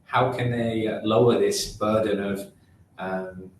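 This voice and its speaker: A man moderating a webinar Q&A, measured, reading out audience questions over video-call audio. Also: lowish voice, fairly even intonation. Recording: roomy video-call audio with faint hum.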